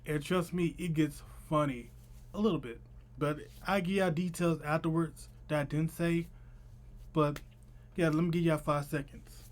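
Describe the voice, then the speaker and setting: A young man with a lisp that slurs his s toward sh, chatting casually to camera as he tells a story in informal, slangy speech. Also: on the high side. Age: young adult. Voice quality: lisp with slushy sh-like s sounds. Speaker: vlogger. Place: small room at home.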